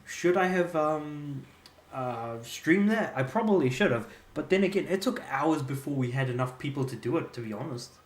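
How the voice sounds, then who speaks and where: A man's voice: on the high side, expressive, moderate pace. A young man from Australia, chatting casually and rambling while streaming a game. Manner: rambling, laid-back, self-amused. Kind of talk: casual live-stream chat. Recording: echoey room.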